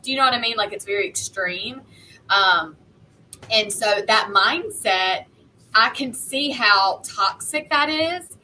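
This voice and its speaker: A woman's voice: mid-range voice, bright, forceful tone, a little hiss or hum, low-quality recording. A woman talking frankly and matter-of-factly in a casual group discussion. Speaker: online content creator and panelist.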